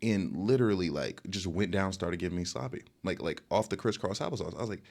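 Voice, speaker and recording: Fast-talking young man telling stories. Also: low voice, expressive, gravelly, a little mellow. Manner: chatty, repeats "okay?" and "like" constantly. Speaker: storyteller vlogger. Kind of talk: casual storytime monologue.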